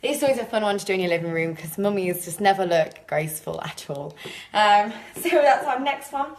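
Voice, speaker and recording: A woman's voice: mid-range voice, lively intonation, a little fast, roomy sound, slight background noise. A woman leading a live home workout, chatty and a little out of breath, laughing at her own slips while she demonstrates the moves. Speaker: fitness instructor. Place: living room.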